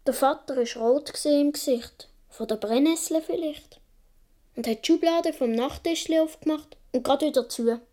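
A woman with a high, mellow, natural voice narrates a radio play in the first person as a young Swiss boy, speaking at a moderate pace with a Swiss German accent. She tells his childhood adventures vividly, fully absorbed in the storytelling.

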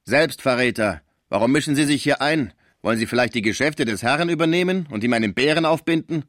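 A man voicing a coarse, suspicious, mannish old housekeeper woman who talks loudly and bluntly. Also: mid-range voice, lively intonation, fairly quick, no echo, clean studio sound, close to an everyday voice. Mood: hostile. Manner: loud and blunt.

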